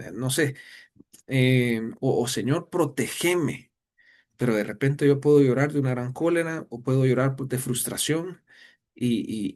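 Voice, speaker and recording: Salvadoran guy teaching bible on a video call, chatty, lots of "eh" and questions to the listener. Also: mid-range voice. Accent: Salvadoran Spanish. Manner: conversational, asks rhetorical questions, many fillers and restarts.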